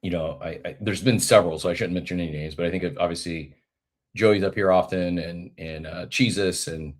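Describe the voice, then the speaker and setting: A man's voice: low-pitched, steady tone, fairly quick. A man in his forties, congested with a head cold and sounding nasal, hosting a podcast in a rambling, friendly chat with many fillers. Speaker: podcast host. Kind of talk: casual live audio show chat.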